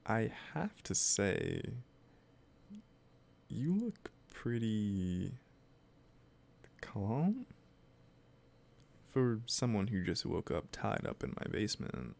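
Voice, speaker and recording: Voicing an obsessive, lovesick kidnapper for roleplay audio, a man speaks to the listener in a gravelly, low, gentle tone, doing a full character voice. He coaxes slowly and hesitantly, soft-spoken and possessively sweet.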